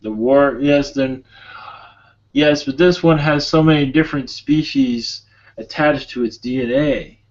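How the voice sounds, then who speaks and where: Guy doing a benevolent alien spirit, halting prophetic trance talk, solemn, kinda muffled lo-fi audio. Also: medium pitch, lightly acted. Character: otherworldly male Sirian being, channeled, benevolent, prophetic. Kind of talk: channeling session, answering questions. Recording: dull lo-fi audio.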